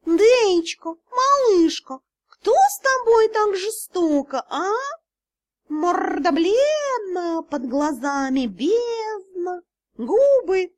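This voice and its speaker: A woman's voice: extremely high pitch, very animated, extremely slow, voice pushed up, full character voice. A woman voicing a cheeky male cat who is the spirit of a golden dragon, teasing and drawling in an audiobook. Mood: fussing. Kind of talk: audiobook character voice.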